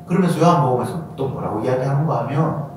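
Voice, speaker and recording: A man preaching a sermon as pastor, animated and acting out quoted voices with sudden high bursts. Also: fast. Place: church sanctuary. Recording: echoey church hall from far off, faint noise.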